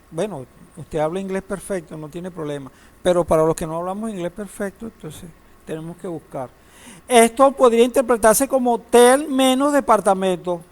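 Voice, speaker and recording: A man teaching a database class, lecturing in a classroom, asking students questions and joking now and then. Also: high voice. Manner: asks the class questions, uses humor.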